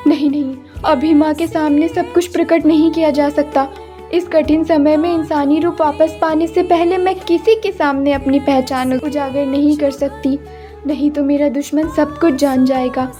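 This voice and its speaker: A woman's voice: high voice, steady tone, moderate pace, warm tone, faint music behind, natural voice. A woman voicing a sorrowful young woman trapped as a flower in a cartoon story, speaking in a wistful inner monologue.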